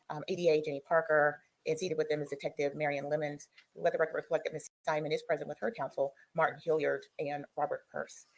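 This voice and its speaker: A woman judge running court proceedings in a brisk, procedural way, with frequent ums, heard through a courtroom recording played back. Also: deep voice, low-quality recording. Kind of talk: presiding over court proceedings.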